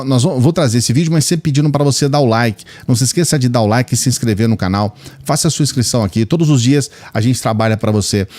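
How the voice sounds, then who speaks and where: A man's voice: mid-range voice, a little mellow. A Brazilian man hosting a channel, giving casual, opinionated political commentary straight to his viewers in colloquial speech. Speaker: political video channel host.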